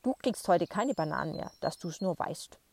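A woman voicing a bossy old grandmother who shouts and scolds in a raised, higher voice. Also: expressive, normal speed, gravelly.

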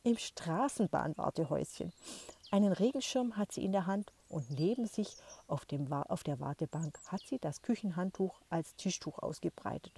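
A woman reads a children's story aloud in a gentle, lively storybook manner. Her voice sits a little low and sounds husky. She tells the story for young listeners. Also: normal speed.

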